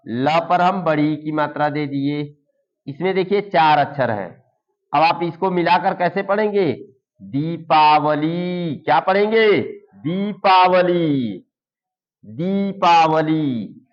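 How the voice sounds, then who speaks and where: Male teacher, slightly high voice, very slow and drawn out, repeats each word, dull lo-fi sound. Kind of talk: slow Hindi reading lesson for beginners. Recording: dull lo-fi recording.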